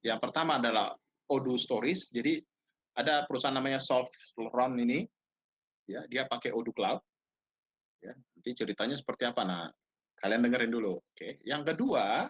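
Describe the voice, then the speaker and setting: A man's voice: mid-range voice, breathy edge, dull audio. A man with a slight tinge giving a casual online university lecture, chatty and teasing, often quizzing his students.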